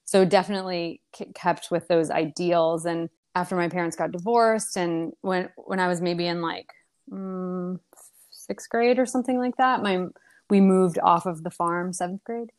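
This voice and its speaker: A young woman telling stories about her childhood in a relaxed conversational way, with lots of fillers and restarts. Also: lowish voice, moderate pace. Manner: rambling, many fillers and restarts. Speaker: podcast guest. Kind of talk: casual conversational storytelling.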